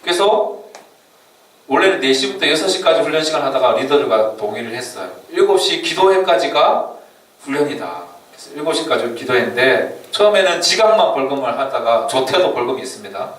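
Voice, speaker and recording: A man giving an informal orientation lecture to church youth before a mission trip, chatty and quick to laugh. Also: medium pitch, very animated, a bit bright. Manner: chatty, laughs often, leans on fillers while explaining. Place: church meeting room or hall. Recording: echoey hall from far off, faint room noise.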